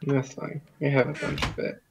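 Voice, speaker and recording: A man's voice: mid-range voice, monotone, normal speed, background noise. A man playing a co-op game, bantering and teasing in a contrary, joking way. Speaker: gamer. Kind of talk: co-op gameplay chat.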